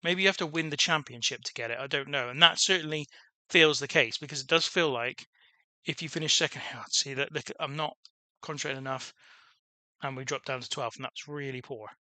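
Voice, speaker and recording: In a mid-range voice with a sharp edge, a man talks fairly fast over his own let's-play footage as the channel host, and there's no echo. His casual commentary rambles with frequent fillers and restarts, and he calls his own voice dull.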